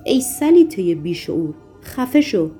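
A woman reading aloud, voicing a panicky, bullying male building chairman who shouts in a gruff, flustered way. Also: medium pitch, expressive, soft background music, lightly acted. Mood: furious.

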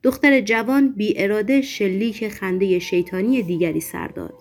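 A woman reading a novel aloud in steady, measured scripted narration. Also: mid-range voice. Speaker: audiobook narrator. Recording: faint background music.

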